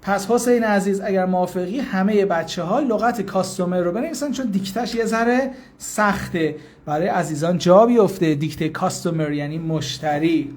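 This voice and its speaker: A man teaching English in a live online lesson. He reads out viewers' names, explains patiently and informally, and repeats English phrases slowly. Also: sits high, a little mellow.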